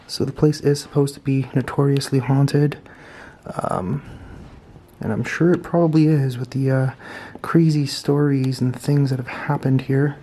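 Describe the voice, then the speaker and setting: A man giving a casual vlog tour in a hushed, low-key way that often drops toward a whisper, speaking indoors as an investigator and host. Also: steady tone, unhurried. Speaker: paranormal investigation vlogger, host. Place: indoors in an old house.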